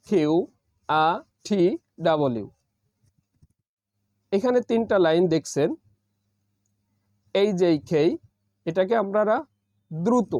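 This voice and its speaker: Male tutor, high voice, patient drill-style delivery, encouraging, muffled dry recording. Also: darkish tone, dry recording. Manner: repeats letters slowly and drills them; encouraging, urges repeated practice. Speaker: English teacher. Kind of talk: pronunciation lesson.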